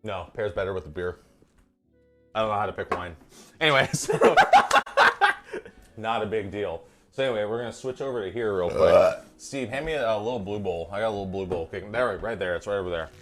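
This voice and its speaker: A man's voice: lowish voice, a little fast, faint music behind. A man hosting a home cooking livestream from his kitchen, tipsy on wine and joking around with lots of swearing. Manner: profane, joking banter. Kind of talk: casual cooking stream chat.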